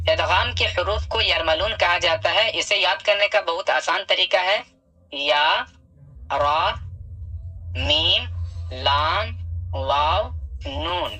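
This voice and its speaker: A man teaching Quran reading step by step. He talks patiently, draws out key sounds slowly, and asks and answers his own questions. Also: high voice, bright, forceful tone, breathy edge, poor audio. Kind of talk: step-by-step recitation lesson.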